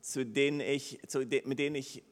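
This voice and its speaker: A man preaching a sermon, retelling a Bible story with lively, acted-out dialogue. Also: medium pitch, moderate pace. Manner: lively storytelling preacher, acts out the characters' lines. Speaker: pastor. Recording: long reverb of a hall.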